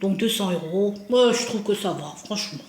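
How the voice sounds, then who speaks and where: A woman's voice: medium pitch, expressive, normal speed, reverberant, slight background noise. A woman chatting casually as she decorates a shelf at home, self-mocking and often laughing, speaking to a camera set a little way off. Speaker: home vlogger. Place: indoors at home.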